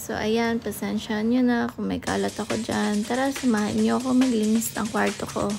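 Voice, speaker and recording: A woman's voice: a little high, steady tone, normal speed, vocal fry, over music. A young woman from the Philippines chatting casually to viewers in a vlog, filmed on her phone. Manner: chatty, addresses viewers directly. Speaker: vlogger. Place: home bedroom, then riding a motorcycle outdoors. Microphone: phone held at arm's length.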